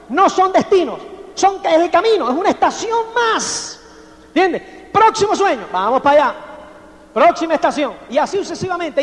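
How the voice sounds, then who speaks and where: A man giving a motivational seminar talk, constantly checking that listeners follow him. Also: very high-pitched. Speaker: motivational speaker. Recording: long hall reverb.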